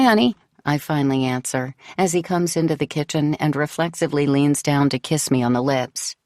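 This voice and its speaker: Composed woman with a low narrating voice. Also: darkish tone, dry recording, studio quality. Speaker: audiobook narrator. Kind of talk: first-person scripted narration.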